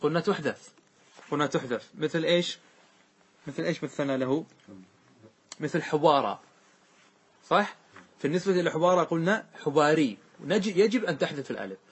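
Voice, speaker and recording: A man's voice: on the high side, lively intonation, brisk, pauses often, slightly rough. A man teaching a grammar lesson, patiently repeating examples and checking that his students follow. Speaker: teacher explaining Arabic grammar. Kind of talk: classroom lesson on a grammar poem.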